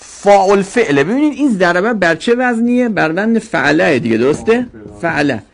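A man teaching a grammar lesson to a class, drawing out each word form slowly and asking questions he then answers himself. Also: high-pitched, very animated, vocal fry. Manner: drills word forms slowly, stretching each syllable.

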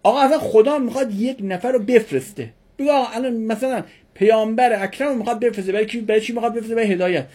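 A woman's voice: a little high, few pauses, dark tone, breathy edge. A woman teaching a religion class who asks her students questions and answers them herself, repeating key words for emphasis.

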